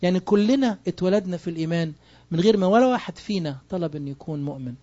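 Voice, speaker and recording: A man's voice: high-pitched, animated, very fast, warm tone, muffled recording. A man with an Egyptian Arabic accent preaching a sermon, emphatic and full of rhetorical questions. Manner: emphatic, asks rhetorical questions and answers them.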